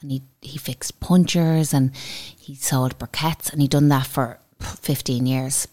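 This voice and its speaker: A Dublin Irish woman with a notably low voice, talking as a guest in a relaxed interview. She rambles easily from one memory to the next in a chatty way. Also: a little slow. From Dublin, Ireland. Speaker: podcast guest, salon owner. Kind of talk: casual interview chat.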